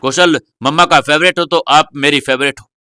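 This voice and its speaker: A man playing a gentle, teasing father who is recovering in bed, in an audio story. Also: on the high side, steady tone, normal speed, smooth, dry recording, studio quality. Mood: fond.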